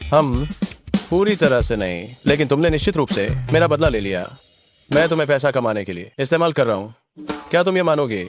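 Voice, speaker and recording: A man's voice: medium pitch, animated, fairly quick, lightly acted. An actor dubbing a cold, scornful young man who has just come into money, speaking in a cutting way over faint music. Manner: contemptuous, cutting. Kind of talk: dubbed drama dialogue.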